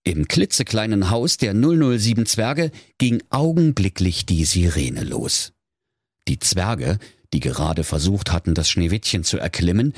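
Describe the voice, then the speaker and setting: A man with a low, slightly husky voice narrates a silly fairy tale for children, playful and mock-dramatic. His delivery is animated and lively, and the sound is dry and close. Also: no echo. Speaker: storyteller.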